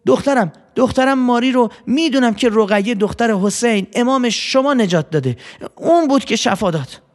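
A man voicing a middle-aged mother crying out thanks in shrill, breathless joy. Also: expressive. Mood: tearful joy. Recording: long hall reverb.

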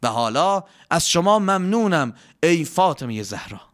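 A man's voice: high-pitched, pitched above the performer's own voice. A man voicing an eager, chatty male servant who talks in a raised, exclamatory voice. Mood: overjoyed. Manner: raised, animated voice, quick and exclamatory.

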